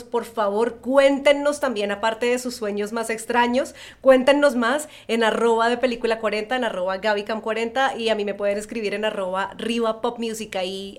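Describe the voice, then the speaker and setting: A woman co-hosting a casual podcast. Her voice sits a little above the usual pitch, and she tells stories with plenty of "like" fillers and vivid expression. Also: brisk, few pauses. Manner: expressive storyteller, many filler phrases. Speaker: podcast co-host.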